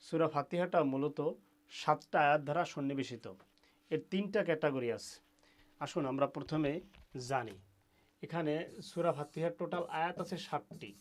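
A man with a Bangladeshi Bengali accent teaching recitation, who sounds out words slowly with heavy stress and then explains them. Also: on the high side. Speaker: religious teacher. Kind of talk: recitation lesson.

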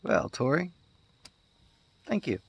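In his backyard garden, a middle-aged homesteader vlogs casually on a phone camera held close, wondering aloud with amazement. He speaks slowly but very animatedly in a voice on the high side with a breathy edge.

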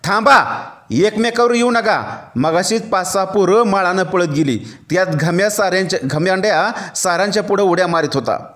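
A man's voice: high voice, animated, normal speed, fairly bright tone, voice pushed up. A man voicing a village man who steps in to stop a quarrel and brings urgent news. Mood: firm. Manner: firm, urgent.

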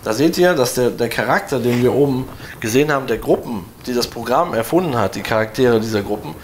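Seated indoors in a room with window blinds, a man in his forties talks viewers through a results screen, explaining poll results in a loose, chatty way with many fillers and restarts. His medium-pitched voice has lively intonation and a quick pace, with a little hiss or hum in the background.

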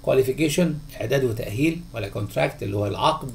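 A man with an Egyptian Arabic accent, a teacher going through textbook answers, who questions the class and then answers himself in a drawn-out voice. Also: mid-range voice, gravelly, a little mellow. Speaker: English teacher.

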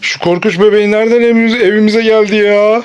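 Excitable playful dad at home. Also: male voice, high voice, quick pace. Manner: animated, excitable, coaxing. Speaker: father. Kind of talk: playful pretend-play family vlog. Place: at home, indoors.

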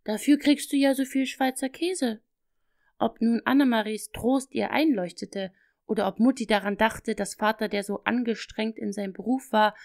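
A woman narrating a children's storybook audiobook in a gentle, lively storytelling manner, close to the microphone. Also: mid-range voice, gravelly, dry recording.

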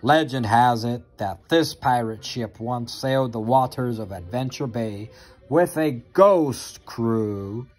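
In a carpeted playroom at home, an expressive storybook reader reads a children's picture book aloud into a handheld phone held nearby. The delivery is sing-song and slow in a mid-range voice, with soft background music.

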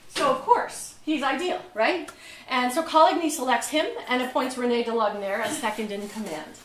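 A woman docent gives a relaxed history talk, chatting easily and laughing at her own slips. Her voice sits somewhat high. She is picked up from a distance in a roomy, echoing space with faint noise underneath. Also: moderate pace. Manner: chatty, laughs at herself, loses words. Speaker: museum docent. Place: museum lecture room. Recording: echoey room, mic far off.

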